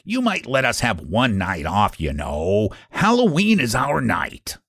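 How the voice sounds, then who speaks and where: A man's voice: fairly low pitch, huge pitch swings, measured pace, a bit bright, dry recording, clean studio sound, exaggerated voice. A man voicing a jolly pumpkin leader in a children's story, with a coaxing, winning manner. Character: jolly, persuasive pumpkin leader of runaway vegetables.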